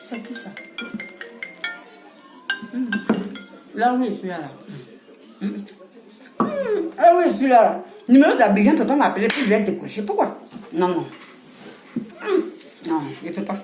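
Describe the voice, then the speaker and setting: A woman with an Ivorian French accent, talking casually and scolding with animated laughs. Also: a little high, moderate pace, long pauses, roomy sound, music in the background. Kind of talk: casual monologue to camera.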